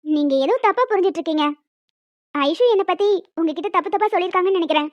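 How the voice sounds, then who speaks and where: A woman voicing several emotional village women and a young daughter in a cartoon, fast and dramatic, scolding and tearful. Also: very high voice, no echo. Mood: coaxing. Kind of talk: cartoon voice acting. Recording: dull, dry lo-fi recording.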